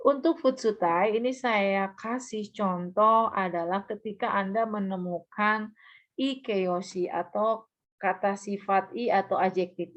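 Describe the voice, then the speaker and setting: Patient woman teacher, muffled lo-fi sound. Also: medium pitch. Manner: patient, explanatory, models example phrases aloud; checks understanding with quick asides. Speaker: Japanese language teacher. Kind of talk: recorded online lesson.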